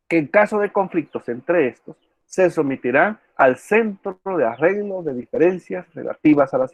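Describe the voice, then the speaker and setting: A male law professor from El Salvador gives an online class lecture in a voice on the high side. He quizzes students by name and repeats key terms and words, and the recording is dry, muffled and lo-fi.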